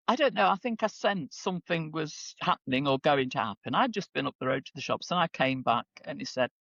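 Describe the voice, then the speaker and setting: A woman in her seventies tells a family story as a guest in casual conversation. Her pitch moves a lot, which makes her sound expressive. The recording is dry but dull, with a lo-fi quality. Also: gravelly, no echo. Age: 70s. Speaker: guest, the stepmother.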